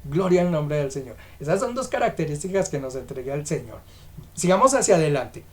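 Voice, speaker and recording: A man's voice: fairly high pitch, expressive, fairly quick. A man preaching a sermon, emphatic and questioning, putting rhetorical questions to the congregation.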